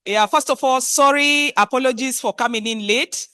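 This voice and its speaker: A woman's voice: high-pitched, normal speed, sharp tone, dry recording. A Kenyan woman giving an informal, hesitant self-introduction, mixing English with some Swahili. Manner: hesitant, giggly. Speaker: guest introducing herself.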